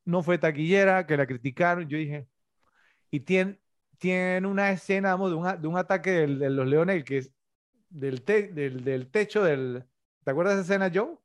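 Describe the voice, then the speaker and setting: A man's voice: sits high, moderate pace, dry recording. A middle-aged man co-hosting a casual film-review podcast, rambling and full of tag questions. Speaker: podcast co-host.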